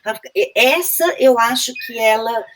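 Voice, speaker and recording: A woman's voice: on the high side, normal speed, a little hiss or hum. A Brazilian woman, an actress, telling stories in a casual interview, full of restarts and acting out the lines she quotes. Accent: Brazilian Portuguese. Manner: animated, acts out quoted lines, many restarts. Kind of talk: casual conversational storytelling.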